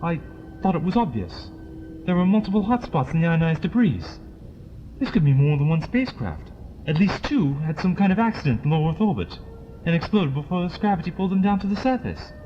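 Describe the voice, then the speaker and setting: A man's voice: fairly high pitch, big pitch swings, brisk, a little hiss or hum. A man playing an eccentric, genial alien scientist in an audio drama, with theatrical, wordy politeness. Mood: confident, explaining. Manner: theatrical, whimsical, old-fashioned wordy politeness. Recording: dull lo-fi with loud music behind.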